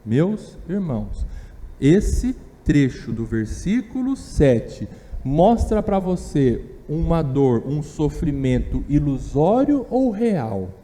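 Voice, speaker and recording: A man's voice: on the high side, very animated, slow pace, dark tone, long reverb tail, a little hiss or hum. A man with a Brazilian Portuguese accent teaching a Sunday Bible class, emphatic, repeating key phrases and asking the class rhetorical questions. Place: church hall.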